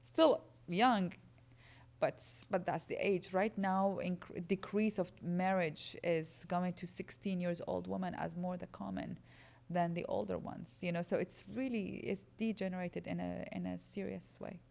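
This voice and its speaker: Earnest woman, low voice. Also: fairly even intonation, measured pace, creaky, a little mellow. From Iraq. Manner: earnest, explanatory, conversational. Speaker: guest speaker. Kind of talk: answering audience questions at a lecture.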